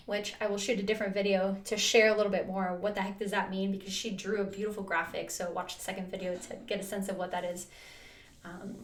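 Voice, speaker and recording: A woman's voice: medium pitch, a bit bright. Woman vlogger, mid-range voice, earnest chatty storytelling, echoey room. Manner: earnest, chatty, full of "like" and restarts. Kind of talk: personal storytelling. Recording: roomy echo.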